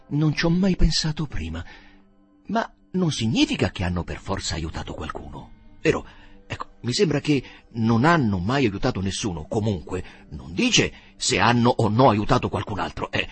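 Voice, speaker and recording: A man reading aloud who voices an earnest young working-class man, humble and hesitant, halting over his words. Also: on the low side, very animated, husky, soft background music, exaggerated voice.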